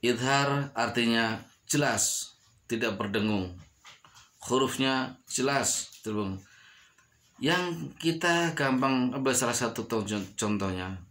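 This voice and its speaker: Slow, deliberate male recitation teacher. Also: medium pitch, animated, a bit bright. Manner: slow, drawn-out demonstrations of recited words, repeating each example. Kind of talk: tajwid lesson.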